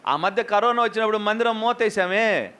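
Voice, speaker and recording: A man preaching a lively sermon as a pastor, questioning the congregation and acting out quotes. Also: sits high, fairly quick, smooth.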